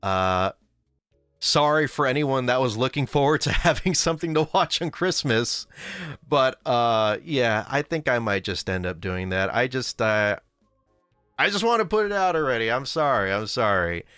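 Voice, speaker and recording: A man's voice: medium pitch, sing-song, moderate pace, a bit bright, smooth, no room sound, clean studio sound. A man hosting a casual livestream, rambling and correcting himself as he reads chat. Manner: rambling, self-correcting, laughs often. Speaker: livestream host. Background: faint background music.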